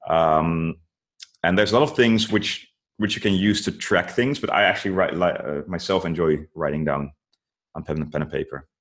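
As a guest in an interview, this man offers sincere advice in a relaxed way, peppering his speech with "like" and "you know." His voice is low and fairly bright, and he speaks at a moderate pace.

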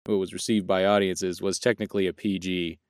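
A man's voice: low voice, level tone, a little fast, clean tone, no echo, clean studio sound. A young man co-hosting a casual film review podcast, rambling and joking, often correcting himself mid-sentence. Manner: rambling, jokey, self-correcting. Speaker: podcast co-host.

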